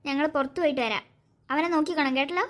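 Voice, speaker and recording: A voice actor voicing a stern mother in an animated cartoon, giving brisk, scolding orders to her children. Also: sits high, lightly acted.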